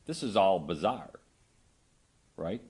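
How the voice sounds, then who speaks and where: A man questioning a witness in court as a lawyer, conversational, phrasing things haltingly and seeking confirmation. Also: low-pitched, expressive, darkish tone.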